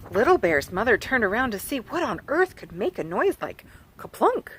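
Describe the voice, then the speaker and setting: A woman reads a children's storybook aloud with a lively, rising and falling voice. She talks gently to young listeners, pausing to point out the pictures as she goes. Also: fairly high pitch, slight background noise, rough recording. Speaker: children's author reading aloud. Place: farm.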